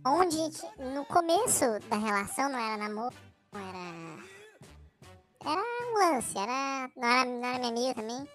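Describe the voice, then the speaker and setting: A young man telling a story in casual slangy chat, lowering his voice into a disguised deeper tone so he won't be recognized. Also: sing-song, fairly quick, fairly bright tone, faint music behind, heavily acted. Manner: slangy, rambling, self-interrupting. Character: himself in a disguised deeper voice, hiding identity. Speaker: podcast co-host.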